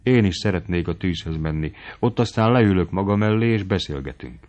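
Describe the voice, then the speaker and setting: A man doing a shy, soft-spoken young lady. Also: deep voice, lively intonation. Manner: soft, bashful. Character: shy, gentle young woman. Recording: dull lo-fi audio.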